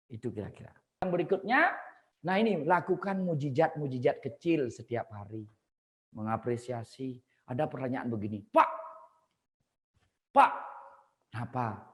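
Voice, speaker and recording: A man giving a lively seminar talk, telling stories and addressing the audience directly. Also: mid-range voice. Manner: animated, addresses audience directly, laughs at own jokes. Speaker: seminar speaker. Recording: echoey hall.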